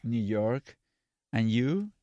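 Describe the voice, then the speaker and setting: A man whose first language is Spanish hosts a casual podcast interview in a dry, close-miked studio sound. His voice sits at a middling pitch, and he gropes for words in short restarts. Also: big pitch swings, drawn-out words, mellow, no echo, dull audio. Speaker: podcast host.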